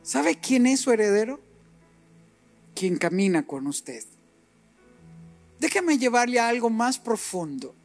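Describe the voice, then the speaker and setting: High-voiced man preaching with animated emphasis. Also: slow pace, long pauses, faint music behind. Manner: animated, acts out dialogue and rises to emphatic peaks. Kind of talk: sermon.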